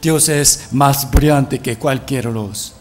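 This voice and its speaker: A man's voice: mid-range voice, slow, a little hiss or hum. A man teaching a Bible seminar in a sermon style. He reads scripture aloud and asks his listeners rhetorical questions, often adding a tag question.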